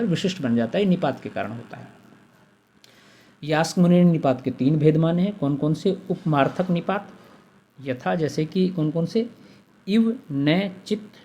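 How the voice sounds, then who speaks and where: A man's voice: on the high side, dark tone. A man teaching a Hindi grammar lesson, methodically listing examples one by one and repeating the key terms.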